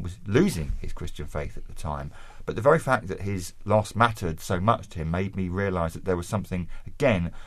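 Southern English male interview guest: very low pitch, considered and erudite delivery, dry close sound. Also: fairly bright tone, no echo. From Essex, England. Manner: articulate, considered, erudite phrasing. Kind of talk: conversational interview answers.

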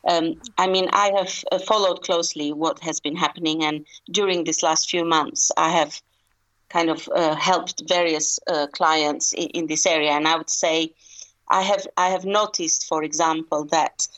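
Guest consultant from Albania, woman in her forties, low voice, measured and earnest. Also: fairly even intonation, fairly bright tone, muffled recording. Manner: earnest, measured, frequent restarts. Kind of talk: radio interview.

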